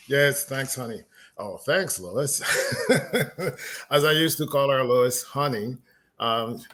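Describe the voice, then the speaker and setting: A man's voice: mid-range voice, a bit bright. A middle-aged man from Ivory Coast and France, talking unhurriedly as a guest in a casual conversation, with many fillers.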